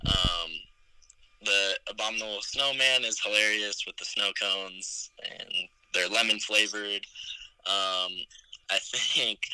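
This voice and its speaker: Deep-voiced young man, sharp tone. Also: clean tone, low-quality recording. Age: 20s. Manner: hesitant, many ums, chuckles while recounting scenes. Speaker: podcast co-host. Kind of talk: casual movie review chat.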